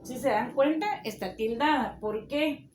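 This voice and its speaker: A woman teacher giving a recorded spelling lesson, dictating rules slowly and deliberately. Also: fairly high pitch, a little mellow, reverberant, slight background noise.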